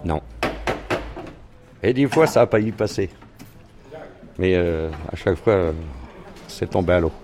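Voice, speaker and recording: A man's voice: low-pitched, animated, unhurried, long pauses, background noise. A man answering interview questions bluntly and curtly, growing indignant. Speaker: interviewed voter. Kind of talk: street interview.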